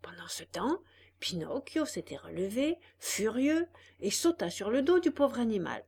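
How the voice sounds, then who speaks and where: Audiobook narrator, woman, lively expressive storytelling, voice on the high side. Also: measured pace, husky. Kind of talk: reading a children's story aloud.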